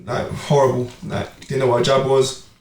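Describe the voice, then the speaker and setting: A man's voice: medium pitch, normal speed. Young man, distant roomy sound. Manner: animated storytelling with street slang. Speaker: amateur boxer and club player. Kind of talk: casual podcast chat. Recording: roomy, distant mic, faint noise.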